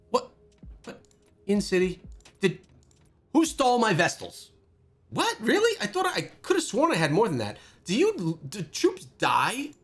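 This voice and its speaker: A man hosting a gaming channel, talking through gameplay with animated exclamations. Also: on the high side. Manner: animated and exclamatory, thinking aloud. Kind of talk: gameplay commentary.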